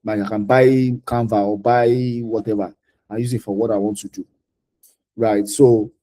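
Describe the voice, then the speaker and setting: During a mentoring session, a man with a Nigerian accent informally answers the audience's career questions, emphasizing key points by repeating them. His voice sits at a medium pitch and sounds mellow.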